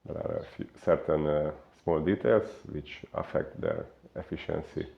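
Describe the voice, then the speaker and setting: A man from Hungary with a Hungarian accent, a fitness coach giving an unhurried explainer talk full of filler pauses. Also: rumbling low, wildly swooping pitch, vocal fry, highs cut off.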